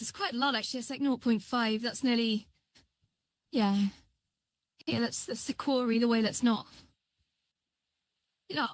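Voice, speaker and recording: Higher-pitched female voice through a voice changer. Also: no room sound, studio quality. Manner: halting, thinking aloud. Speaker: livestream tutorial host. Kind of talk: casual live software tutorial.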